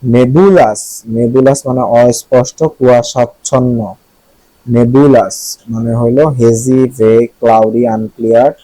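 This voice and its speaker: A man from Bangladesh teaching vocabulary in an easygoing way, stopping to check pronunciations and joke with his viewers. His voice is mellow and a little husky. The sound is dry and close, with almost no room around it. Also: mid-range voice, fairly even intonation, takes it slowly, no echo, low-quality recording. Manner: thinks aloud, checks pronunciations, jokes. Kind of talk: casual vocabulary lesson.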